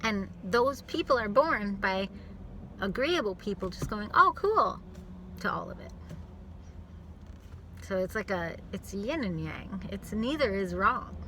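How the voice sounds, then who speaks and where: Casting note: bright, chatty woman vlogger, self-interrupting ramble, car interior, faint background hum. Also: mid-range voice, lively intonation, measured pace. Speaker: songwriter vlogger. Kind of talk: rambling reflective monologue. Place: in a parked car.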